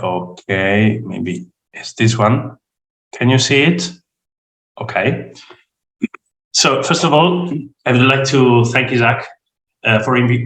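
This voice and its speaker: Hoarse man, roomy sound. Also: mid-range voice, a bit bright. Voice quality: rough, croaky voice. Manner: hesitant, many fillers. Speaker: guest speaker. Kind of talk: online lecture presentation. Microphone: video call. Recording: roomy echo.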